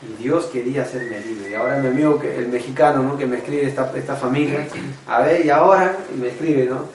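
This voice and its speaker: A man's voice: medium pitch, fairly even intonation, fast, a little mellow, echoey room, far from the mic, a little hiss or hum, rough recording. A man preaching a personal testimony sermon, earnest and confessional, often calling his listeners brothers. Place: church meeting room.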